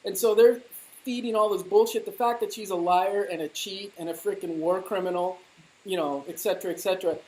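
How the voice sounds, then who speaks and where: A woman's voice: mid-range voice, fairly even intonation, fairly quick, warm tone, poor audio. A woman talking politics in casual chat, heated and mocking, with a lot of swearing. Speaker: political commentator.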